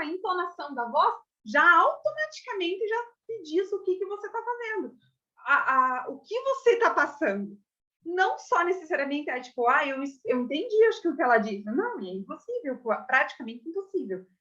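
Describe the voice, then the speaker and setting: A young Brazilian woman with a high voice teaches a casual theater class and talks to her viewers in a chatty, expressive way. She often stops to ask if they follow. The recording sounds a little dull and lo-fi. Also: normal speed. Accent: Brazilian Portuguese. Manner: chatty, expressive, repeats words and checks in with listeners. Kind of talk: casual online lesson. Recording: slightly dull lo-fi audio.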